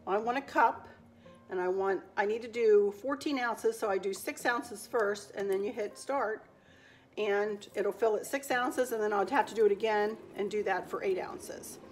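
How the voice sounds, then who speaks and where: A woman's voice: medium pitch, normal speed, soft background music. Chatty woman in her fifties. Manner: chatty, heartfelt, repeats words for emphasis. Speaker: vlogger. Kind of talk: casual home vlog. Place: home kitchen.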